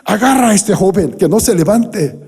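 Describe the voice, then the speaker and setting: A man voicing a busy emergency-room doctor who gives brisk, commanding orders. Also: high-pitched, animated, dark tone, breathy edge, big-room sound, voice pushed up, exaggerated voice. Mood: urgent.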